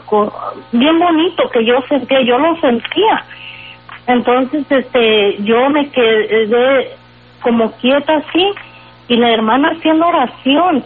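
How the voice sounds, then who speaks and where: A woman tells a personal faith testimony on call-in radio, in an earnest, halting way with frequent fillers. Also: fairly high pitch. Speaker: guest sharing a faith testimony. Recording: tinny phone line with faint music.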